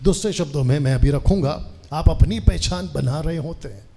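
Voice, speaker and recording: A pastor in his forties preaches to a seated congregation in a church hall, speaking at normal speed in a slightly high voice with a dark tone over a little hiss or hum. He often calls on the congregation to answer aloud together and slips English phrases into his sermon.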